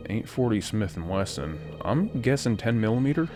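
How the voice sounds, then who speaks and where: Deep-voiced man with crude gameplay banter. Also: big pitch swings, normal speed. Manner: crude, joking, rambling. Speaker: gameplay commentator. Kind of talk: casual let's-play commentary. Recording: game music loud behind the voice.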